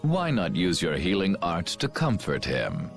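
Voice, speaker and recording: A man gives an exaggerated, gravelly, low-pitched performance with huge pitch swings at a measured pace. He voices a ruthless, scheming middle-aged commander taunting his prisoners in a game cutscene, cold and gloating with mocking laughs, music playing underneath.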